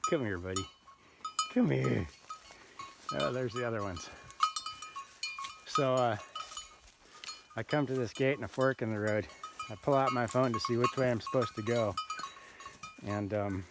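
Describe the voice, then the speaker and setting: An older man telling a rambling, easygoing story outdoors on a remote mountain road, with many pauses and "uh"s. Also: mid-range voice, gravelly, heavy background noise. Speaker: bikepacker vlogger. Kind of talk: casual outdoor vlog narration.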